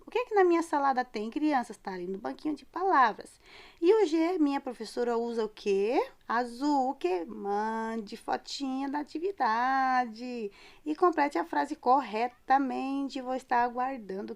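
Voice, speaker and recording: Brazilian woman teaching young kids. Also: fairly high pitch. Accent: Brazilian Portuguese. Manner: patient, prompting, talks to children. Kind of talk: remote class for young children.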